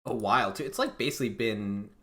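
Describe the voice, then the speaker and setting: A man co-hosting a casual podcast, playful and quick to laugh. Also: lowish voice, a bit bright. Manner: giggly, playful teasing. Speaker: podcast co-host. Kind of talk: casual chat.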